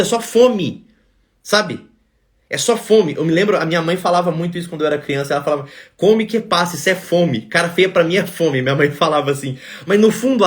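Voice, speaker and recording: A man with a Brazilian Portuguese accent, a therapist explaining anxiety in casual talk and acting out the dialogue in his stories with animation. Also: sits high. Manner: animated storytelling, acts out dialogue.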